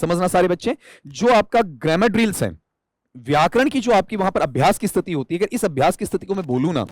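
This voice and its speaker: A man's voice: high-pitched, animated, fast talker, no echo. A man teaching an exam-prep English lesson, explaining step by step and asking and answering his own questions. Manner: calls students "beta".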